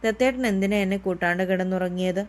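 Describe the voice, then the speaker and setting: A woman's voice: mid-range voice, quick pace, lightly acted. A woman voicing a shy, tender young woman in a storybook romance, speaking with pleading hesitance. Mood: curious.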